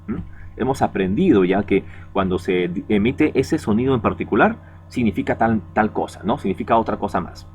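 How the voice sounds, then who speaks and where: A man's voice: lowish voice, normal speed, darkish tone, faint music behind. A male secondary school teacher giving a recorded class lecture, explaining patiently and checking in with "¿no?" and "¿ya?". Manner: explains patiently, tags lines with "¿no?" and "¿ya?".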